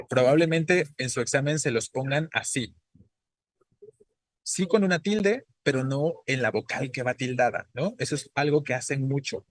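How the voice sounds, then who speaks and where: In an online class lecture, a Spanish teacher with a mid-range voice explains grammar patiently. He often checks in with students using short tag questions, and there's no room sound.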